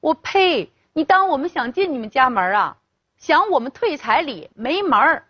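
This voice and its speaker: A woman voicing a drunk, furious middle-aged father who shouts and scolds. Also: high-pitched, big pitch swings, moderate pace, voice pushed up. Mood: scornful. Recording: dull lo-fi, dry.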